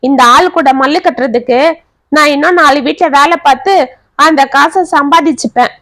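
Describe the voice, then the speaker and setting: A woman voicing a fed-up housemaid who talks in a loud, scolding, dismissive way. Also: high voice, normal speed, no room sound. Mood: angry. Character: fed-up housemaid, blunt and quick-tempered.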